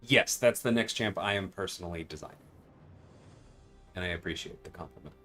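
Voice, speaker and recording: Talking a little fast in a low, pushed, bright voice, a game designer hosts a casual livestream with soft music in the background. As he plays, he explains the game's mechanics and responds to viewers' questions in relaxed commentary.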